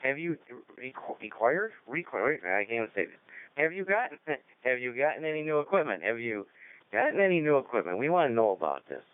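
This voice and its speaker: A man's voice: medium pitch, sing-song, a little fast, clean tone, no echo. Chatty man on a ham radio link. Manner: rambling, chatty, stumbles over words. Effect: heard over a ham radio link. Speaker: ham radio net control host. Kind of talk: casual on-air net chat. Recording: narrow radio-link sound, dry.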